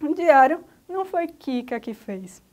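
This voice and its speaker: A woman teacher with a Brazilian Portuguese accent and a high-pitched, expressive, slightly mellow voice speaks unhurriedly in a recorded remote school lesson. She patiently walks the children through a grammar lesson step by step.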